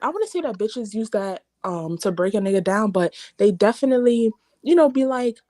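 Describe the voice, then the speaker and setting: Blunt New York woman, lively pitch. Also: moderate pace. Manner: blunt, profane, joking. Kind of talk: casual group chat.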